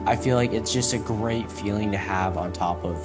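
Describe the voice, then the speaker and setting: A man's voice: on the low side, normal speed. A young man speaking as a mentee in an interview, casual, with many "like" fillers. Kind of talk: interview for a charity video. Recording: interview under music bed. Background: guitar music.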